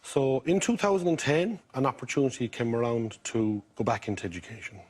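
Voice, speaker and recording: A middle-aged man from County Mayo with a west of Ireland accent and a husky voice, chatting about his life as a game show contestant. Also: medium pitch, big pitch swings, fairly quick, a little mellow.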